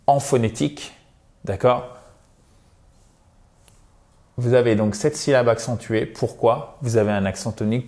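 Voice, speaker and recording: A man giving a video English lesson, explaining suffixes and stressed syllables and repeating example words slowly and carefully. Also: medium pitch. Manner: addresses viewers warmly as "chers amis". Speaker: English teacher.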